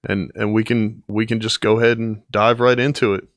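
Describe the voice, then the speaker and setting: A man's voice: lowish voice, little pitch movement, fairly quick, no room sound, studio quality. A man hosting a podcast in a casual, upbeat way, with many fillers and restarts. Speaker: podcast host.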